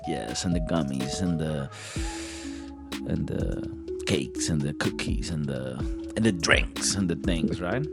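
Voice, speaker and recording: A man in his thirties hosts a comedy podcast, speaking slowly with an extremely low pitch over loud background music. The talk is joking and playful; he rambles and hams up his voices.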